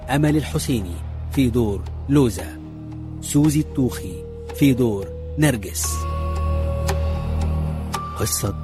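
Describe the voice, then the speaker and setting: Radio announcer guy reading out credits, regular pitch, music playing behind him. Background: loud music.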